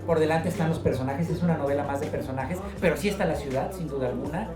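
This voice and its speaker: A man from Guadalajara with a Mexican accent, an author talking about his work in a relaxed, joking way at a book presentation. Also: on the high side, quick pace, reverberant, far from the mic, music in the background. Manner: relaxed, storytelling, joking asides. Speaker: author being interviewed.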